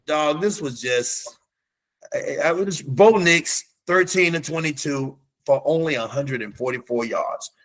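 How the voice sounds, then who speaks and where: A man co-hosting a casual sports podcast, animated and slangy, rattling off game stats and calling his co-host "dog". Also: medium pitch. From United States. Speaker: teacher.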